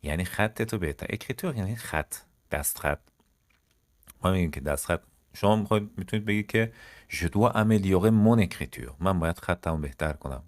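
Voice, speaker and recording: Deep-voiced man teaching French, slow drills. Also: lively intonation, no echo, studio quality. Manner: slow, exaggerated model sentences between fast explanations. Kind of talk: language lesson.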